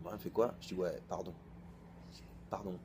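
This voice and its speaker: Male rabbi, 30s, lowish voice, casual storytelling preacher who acts out the dialogue. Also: brisk, background noise. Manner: colloquial, lively, acts out both sides of a dialogue. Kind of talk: informal storytelling sermon.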